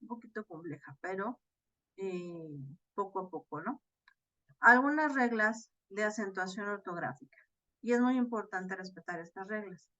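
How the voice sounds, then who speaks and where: A woman's voice: medium pitch, animated, normal speed, sharp tone, no echo. A woman teaching an online class, explaining step by step with frequent fillers and tag questions, recorded on a video call. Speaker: online course tutor. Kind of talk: virtual class lecture. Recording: slightly dull, dry video-call audio.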